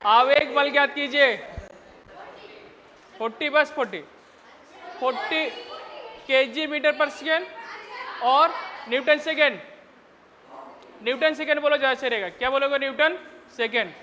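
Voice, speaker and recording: A male physics teacher with a very high, pushed, bright voice runs a rowdy class, scolding and teasing students in crude slang between dictated questions. He speaks at a measured pace with long pauses, and a faint crowd is audible. It's a lo-fi classroom recording in a reverberant room.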